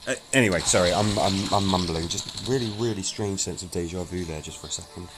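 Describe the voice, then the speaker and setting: Low-voiced man commenting on gameplay. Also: fairly quick, background noise. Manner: chatty, thinks aloud, mild restarts. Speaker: gaming streamer. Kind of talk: casual let's-play commentary. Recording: game music playing behind.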